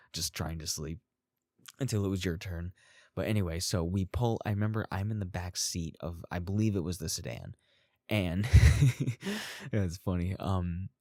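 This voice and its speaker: Low-voiced man telling rambling stories. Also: darkish tone, no room sound, studio quality. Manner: rambling, profane, chuckles often. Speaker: storyteller. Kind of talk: casual personal storytelling.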